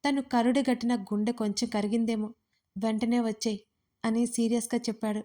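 Woman narrator, first-person romance audiobook, expressive, dramatic, fairly high voice. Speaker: storyteller.

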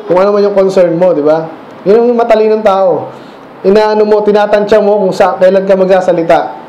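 A man's voice: high voice, brisk, warm tone, a little hiss or hum. A man with a Filipino accent, preaching a conversational Bible lesson and checking in with questions like "okay?" and "right?". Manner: keeps checking in with rhetorical questions. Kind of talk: conversational Bible teaching sermon. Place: church. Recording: echoey church room, dull lo-fi sound.

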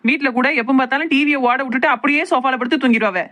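A woman's voice: high voice, racing, fairly bright tone. A woman with a Kanyakumari Tamil accent playing a young daughter-in-law who defensively pleads that she did nothing wrong in a comedy skit. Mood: pleading.

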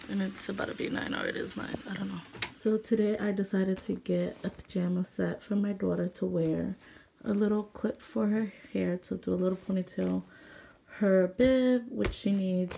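A woman's voice: mid-range voice, gravelly. A young woman chatting casually to her phone camera in a vlog. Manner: chatty, relaxed, talks straight to camera. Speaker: vlogger. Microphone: phone camera at arm's length. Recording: noisy phone recording.

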